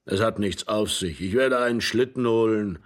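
A man reading aloud and voicing a tall, curt gentleman with a hoarse voice who speaks in short muttered phrases. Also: lowish voice, moderate pace, lightly acted.

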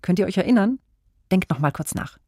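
A woman's voice: medium pitch, expressive, fairly quick, warm tone, faint music behind. A woman hosting a children's mystery show, encouraging the listeners and asking them questions, close to a studio mic. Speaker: host. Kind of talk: quiz host addressing children.

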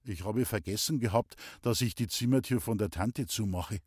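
A man's voice: on the low side, normal speed, a little mellow, slightly rough, dry recording, clean studio sound. A man narrating a story in the first person with a playful, boyish manner and a light tinge. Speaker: audiobook reader.

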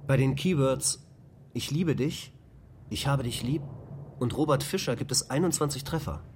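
A man's voice: mid-range voice, moderate pace, darkish tone, slight background noise, lightly acted. An actor playing a polite, matter-of-fact male ship computer in a sci-fi radio drama. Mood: composed.

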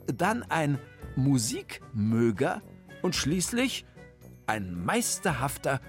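A storyteller reading a children's story aloud in a lively, expressive way. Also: mid-range voice, slow, soft background music.

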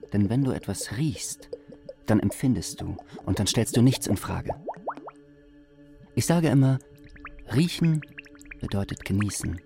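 An actor playing a scent expert in a radio play, speaking in an instructive way. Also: male voice, on the low side, vocal fry, dark tone. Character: male scent expert lecturing. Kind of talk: literary radio play acting.

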